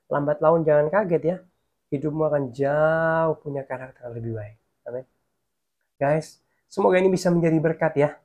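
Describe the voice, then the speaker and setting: Gravelly-voiced male preacher, animated. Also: on the high side, normal speed. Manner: lively preaching, swells loud in prayer. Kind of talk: online sermon and prayer.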